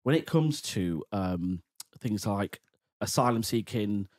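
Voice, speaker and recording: A man's voice: lowish voice, lively intonation, takes it slowly, a little mellow. A man hosting a podcast, chatty and friendly with lots of fillers as he leads the talk. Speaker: podcast host. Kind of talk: casual chat.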